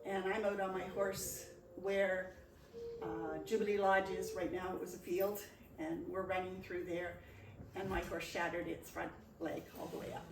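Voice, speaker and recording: A woman's voice: fairly low pitch, level tone, normal speed. Chatty woman in her sixties, echoey. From Nova Scotia, Canada. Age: 60s. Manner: chatty, wry and self-deprecating. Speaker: presenter at a local history meeting. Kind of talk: casual reminiscing talk. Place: community meeting room. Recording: echoey room, distant mic, faint noise.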